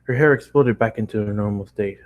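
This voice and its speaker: With a brisk pace and a darkish voice on the low side, the tired amateur reader pushes through his fan-fiction story. Phrases trip him up and he repeats them, his energy fading.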